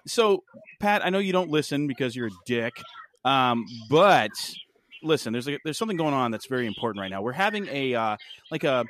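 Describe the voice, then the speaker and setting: Animated, swearing podcast co-host man. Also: medium pitch. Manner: loose, profane, laughs often. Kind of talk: casual podcast banter.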